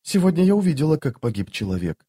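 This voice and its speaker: A man voicing a sharp-tongued, haughty young noblewoman in an audiobook, speaking with scorn. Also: a little high, big pitch swings, moderate pace, voice pushed up. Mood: quiet, sad. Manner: scornful, scolding.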